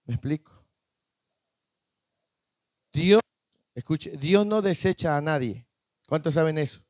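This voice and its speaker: A man preaching a sermon, emphatic, firing rhetorical questions at the congregation and rising to shouts at the peaks. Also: fairly high pitch, animated, slow pace, dry recording, studio quality.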